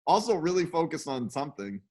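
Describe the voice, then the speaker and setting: Slightly high male co-host. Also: big pitch swings, quick pace, a little mellow. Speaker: co-host and show producer. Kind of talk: casual show chat.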